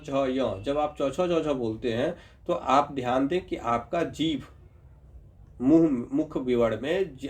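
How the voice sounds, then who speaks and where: A man teaching a grammar lesson, patiently sounding out letters and checking in with his students. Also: mid-range voice. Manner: patient, repeats sounds slowly, checks in with "ठीक है"; addresses viewers as "Babu". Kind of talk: explanatory lesson.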